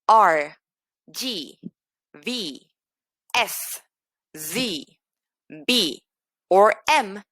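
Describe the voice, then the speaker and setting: Slow, deliberate woman teaching pronunciation. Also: mid-range voice, fairly bright tone, dry recording. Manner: slow, repeating each word example for learners. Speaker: English teacher. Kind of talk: language lesson.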